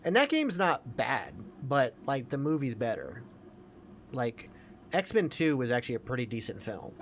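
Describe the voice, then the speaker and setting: With a sing-song, mid-range voice at a normal speed, this man co-hosts a casual podcast, giving emphatic, freely profane opinions on games and movies. A little hiss or hum sits under the recording.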